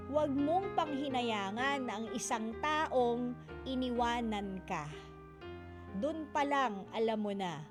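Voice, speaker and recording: High-pitched playful Filipina radio host. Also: female voice. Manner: playful, teasing, laughs often. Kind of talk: casual radio advice segment.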